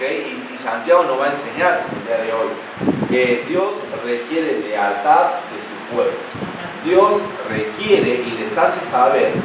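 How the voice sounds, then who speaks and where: A man preaching a sermon as pastor, asking rhetorical questions and swinging from loud emphasis to near whispers. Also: medium pitch, far from the mic, very noisy. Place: church sanctuary. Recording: echoey church hall, picked up from afar.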